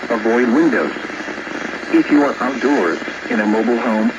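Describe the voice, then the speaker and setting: Dull, noisy male weather radio voice. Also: medium pitch. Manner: formal, measured, synthetic-sounding bulletin reading. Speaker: weather radio alert announcer. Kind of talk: weather radio voice reading an emergency warning. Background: loud radio noise.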